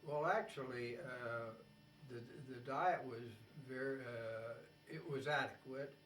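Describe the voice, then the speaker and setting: Slow, halting old American veteran remembering. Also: male voice, mid-range voice, a bit bright. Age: elderly, 80s or older. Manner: halting, measured, with long pauses while recalling. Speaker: war veteran being interviewed. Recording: roomy, distant mic, faint hum.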